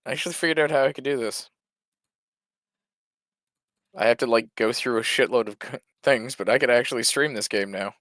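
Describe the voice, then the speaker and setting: A man's voice: medium pitch, brisk, pauses often, a bit bright, no room sound. A man co-hosting a podcast in casual chat, tossing out sarcastic, playful quips. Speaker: podcast co-host.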